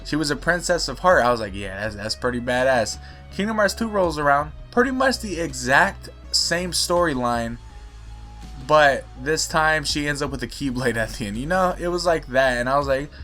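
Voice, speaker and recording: A young man giving casual video-game commentary as a YouTuber. He rants with passion and gets louder and higher when he is annoyed. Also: expressive, normal speed. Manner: passionate, ranting, swings loud and high when annoyed. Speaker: gaming YouTuber. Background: faint music.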